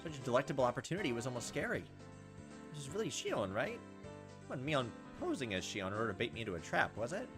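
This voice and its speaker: Music plays in the background as a mid-range, sing-song voice rattles quickly through a visual novel. The gaming video host reacts to the text with casual commentary, sometimes profane.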